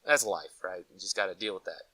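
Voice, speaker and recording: His voice sits low with a breathy edge, and he talks a little fast: a Colorado man hosting a preparedness gear channel in a casual, rambling vlog. He tells folksy, animated stories with acted-out asides. There's no echo, and the mic is distant.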